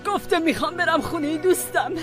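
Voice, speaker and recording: A woman's voice: extremely high pitch, animated, music in the background. An actress voicing an older mother who is urgent and tearful because her daughter is missing. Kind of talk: TV drama dub.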